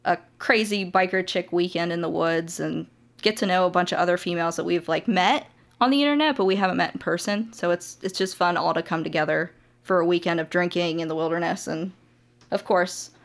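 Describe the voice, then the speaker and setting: A woman's voice: on the low side, brisk. A young adult woman from Ohio, a motovlogger guest chatting casually on a podcast, laughing often.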